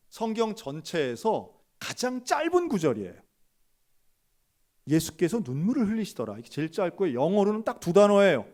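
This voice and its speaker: A man preaching a Sunday sermon with a high, lively voice that swings widely in pitch. He often acts out the people in his story in short bursts of quoted dialogue. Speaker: pastor.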